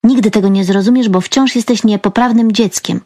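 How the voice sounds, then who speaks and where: A woman reading an audiobook, voicing an excited young woman who confides that she is in love. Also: fairly high pitch, fairly quick, dry recording, clean studio sound, natural voice. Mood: eager. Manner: confiding, hushed, eager.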